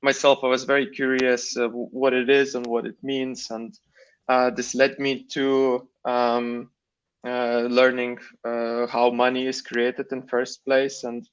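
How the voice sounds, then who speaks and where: Slow, hesitant man from Lithuania. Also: medium pitch, completely flat delivery, clear, resonant tone, muffled recording. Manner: hesitant, many fillers. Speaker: guest. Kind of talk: live online interview.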